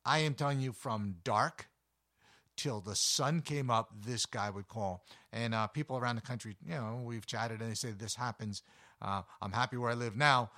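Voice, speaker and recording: A man with a deep voice, hosting a nature show and chatting enthusiastically with frequent fillers. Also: fairly bright tone. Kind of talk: casual talk about backyard birds.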